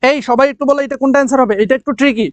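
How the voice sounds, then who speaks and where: A man with an extremely high voice and fairly even intonation gives an online English lesson for admission exams. He poses questions to his students, answers them himself, and stretches out key words for emphasis. There's no echo.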